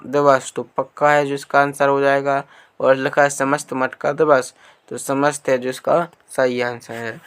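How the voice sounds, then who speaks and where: A man's voice: mid-range voice, sharp tone, clean tone. A male teacher walking through workbook exercises, patiently repeating answers and asking questions as he goes. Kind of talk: workbook lesson walkthrough.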